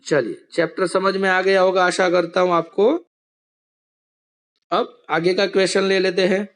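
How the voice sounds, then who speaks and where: Slow, high-voiced male teacher. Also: fairly even intonation. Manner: patient, step-by-step explaining. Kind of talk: online class lesson.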